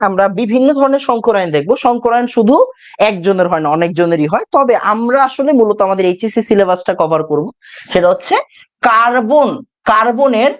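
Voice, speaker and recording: A male teacher runs an exam-prep chemistry lecture. His voice sits high and swings widely in pitch. He drills each point by repeating it and by asking questions that he then answers himself. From Bangladesh. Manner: repeats key phrases, asks questions and answers them himself.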